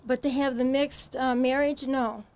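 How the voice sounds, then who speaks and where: A woman with a high voice speaks haltingly as a studio guest. She pauses often and fills gaps with ums. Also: level tone, darkish tone. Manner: hesitant, halting, many ums. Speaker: talk show guest. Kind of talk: studio interview answers.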